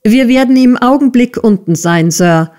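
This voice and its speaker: A composed young teacher answers politely but firmly, never rattled, as a woman narrator voices him. Steady, measured and dignified. Audiobook storytelling. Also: medium pitch, pitched above the performer's own voice, close to an everyday voice. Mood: calm firm. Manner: calm, polite, slightly offended. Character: young male assistant teacher, calm and proud. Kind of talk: audiobook character reading.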